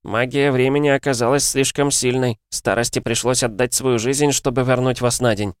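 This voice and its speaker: A man voicing a small, frightened male spirit with a squeaky, stammering voice in an audiobook. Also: fairly even intonation, normal speed, clean tone, dry recording, clean studio sound, lightly acted. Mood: scared pleading. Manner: whimpering, stammering. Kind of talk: audiobook character voice.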